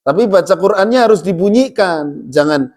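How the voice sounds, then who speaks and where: A male recitation teacher in a mosque. He switches between quick explanations and slow chanted verses, and he coaxes the congregation to chant along with him. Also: sits high, animated, darkish tone. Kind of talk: teaching melodic Quran recitation.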